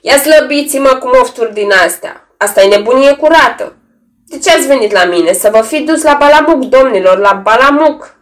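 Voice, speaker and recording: A woman's voice: high voice, lively intonation, pitched above the performer's own voice. A woman voicing an impatient, irritable male lawyer who brushes people off brusquely. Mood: angry. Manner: brusque, shouting.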